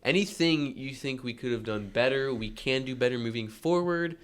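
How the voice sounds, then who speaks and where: Young guy cohosting a podcast, upbeat, lots of ums, voice cracks sometimes, mid pitch. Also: moderate pace, a bit bright, smooth. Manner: upbeat, leads the talk, frequent ums. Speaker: podcast co-host. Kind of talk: casual chat.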